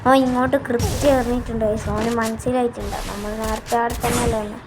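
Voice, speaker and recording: A woman's voice: a little high, steady tone, quick pace. A woman with a Malayali accent giving casual gameplay commentary as a video host, mixing English gaming words into Malayalam. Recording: noisy game audio with gunfire. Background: video game gunfire and ambience.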